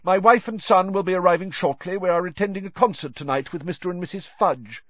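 Man doing a deranged older official, high strained voice, broken gasped words, husky, dull recording. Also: fast, no echo. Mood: rambling. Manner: rambling, broken gasping phrases. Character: raving, confused older male official, desperate.

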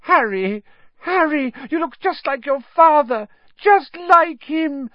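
A cringing coward of a man, pitched far up into a shrill whine. He grovels and repeats himself in tearful, gasping pleas, swooping wildly like a cornered storybook villain. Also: expressive, takes it slowly, dry recording, highs cut off. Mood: wheedling. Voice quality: high, whining, tearful, gasping. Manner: grovelling, repetitive, desperate pleading. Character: cringing, pleading, cowardly man, rat-like traitor.

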